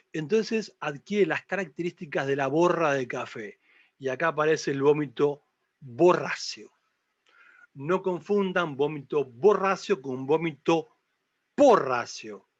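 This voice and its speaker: Argentine male lecturer, slightly high-pitched, playful asides and rhetorical questions, muffled recording. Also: a bit bright, dry recording. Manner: joking asides, rhetorical questions, repeats key terms. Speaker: surgery lecturer.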